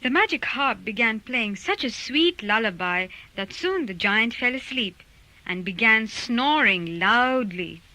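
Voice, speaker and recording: A woman narrating a children's storybook recording with lively, expressive storytelling. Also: fairly high pitch, a little slow, slight background noise, low-quality recording.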